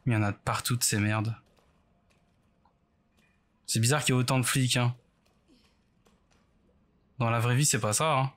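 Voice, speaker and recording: Guy streaming a horror game, mid-pitched voice, jittery running commentary, pokes fun at himself, talking to himself in his bedroom. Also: steady tone, normal speed, pauses often, fairly bright tone. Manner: nervous, self-mocking, rambling to himself. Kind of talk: casual let's play commentary. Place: bedroom at home, indoors.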